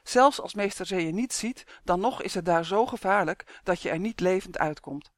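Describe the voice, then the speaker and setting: A reader voicing an agitated, proud male elf who is quick to anger, in an audiobook. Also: dry recording, close to an everyday voice. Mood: tense. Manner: shrill, indignant outbursts. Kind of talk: audiobook character voice.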